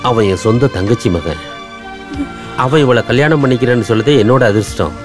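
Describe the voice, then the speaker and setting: An actor playing a wealthy father of a mute girl, speaking calmly and soothingly. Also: mid-range voice, fairly quick, lightly acted. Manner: calm, soothing. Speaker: film character. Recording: film soundtrack with music underneath.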